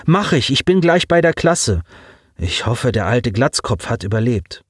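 A man voicing an anxious teenage boy stranded on a wrecked ship, talking in an earnest, hurried way. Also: medium pitch, sing-song, breathy edge, dry recording, studio quality. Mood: worried, hurried.

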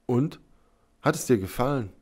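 A man's voice: medium pitch, expressive, normal speed, breathy edge, voice pushed up. A man voicing a scornful, brash young woman. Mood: teasing. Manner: mocking, then shouting in fury.

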